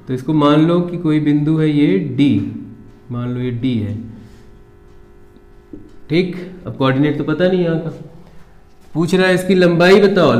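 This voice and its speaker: A man's voice: a little high, darkish tone, echoey room. A man teaching a board-exam maths lesson, talking students through each step and checking they follow.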